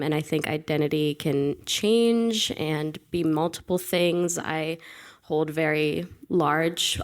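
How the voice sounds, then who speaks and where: A young woman, a senior student on a panel, speaking articulately about herself and her studies. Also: deep voice. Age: young adult. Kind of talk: panel discussion answers.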